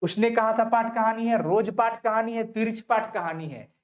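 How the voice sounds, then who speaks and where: A man's voice: sits high, moderate pace. A young man teaching a Hindi story in an online class, repeating his own questions and answering them, reassuring students as he goes. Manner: reassuring, coaxing students to listen.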